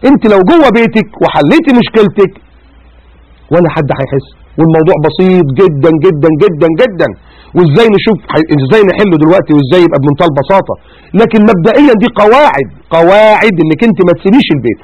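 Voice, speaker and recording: A man with an Egyptian Arabic accent giving colloquial religious advice as a preacher, animated and full of rhetorical questions and repeated words for emphasis. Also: sits high, very fast, husky, dry recording, dull audio.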